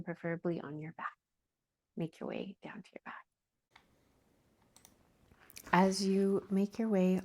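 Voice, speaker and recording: A yoga nidra teacher, a woman, leads a deep-rest meditation. Her slightly low voice moves very unhurriedly, and her delivery is gentle, calming, and softly breathy.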